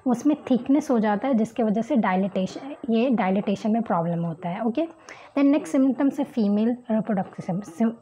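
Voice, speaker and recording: A woman teaching homeopathy, slowly reading English terms from a book and explaining them in Hindi with frequent "okay"s. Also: a little high, expressive, warm tone, rough recording. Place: indoors at a table, book and pen on camera.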